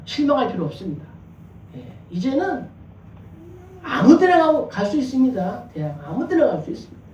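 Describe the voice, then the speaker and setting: A man's voice: high-pitched, dark tone, lo-fi sound, slight background noise. A male pastor preaching a sermon in a conversational way, asking rhetorical questions and joking with the congregation. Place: church sanctuary. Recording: echoey church from a distance.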